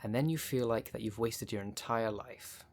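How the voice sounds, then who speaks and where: A man with a mid-range, darkish, natural voice plays a jaded thirty-two-year-old witch in an ASMR roleplay. At a moderate pace he's dry, wry and sarcastic, swearing and sighing conversationally.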